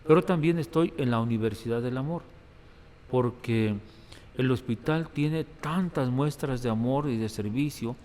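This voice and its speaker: A man's voice: mid-range voice, darkish tone. A Mexican priest and hospital chaplain telling stories of his work in an interview, often repeating words as he thinks. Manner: reflective storytelling, repeats words. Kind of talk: interview testimony. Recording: reverberant room, faint background noise.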